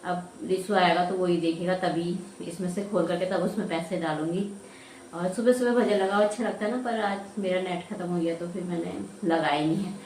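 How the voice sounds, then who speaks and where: A woman's voice: on the low side, fairly even intonation, fairly quick, darkish tone, a little hiss or hum. A woman in her thirties chatting casually through a home vlog, rambling and laughing often as she goes. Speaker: vlogger. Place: home, rooms and rooftop.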